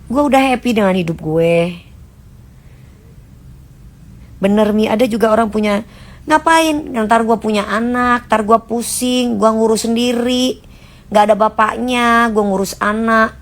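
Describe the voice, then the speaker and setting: A woman's voice: fairly high pitch, moderate pace. A woman ranting casually on a live stream, answering viewers' comments in a blunt, mocking way. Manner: blunt and mocking, in Jakarta slang.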